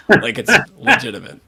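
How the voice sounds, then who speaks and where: A man's voice: mid-range voice, wildly swooping pitch, measured pace, crowd noise. A man hosting a casual live podcast watch party and running trivia, laughing often as he talks.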